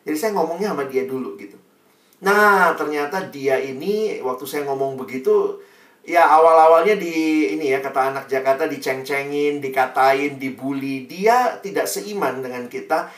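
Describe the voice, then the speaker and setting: A man giving a sermon testimony, telling his story in a lively way and acting out the lines of his friends. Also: on the high side, normal speed. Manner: storytelling, acts out quoted friends. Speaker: pastor. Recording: echoey room, distant mic.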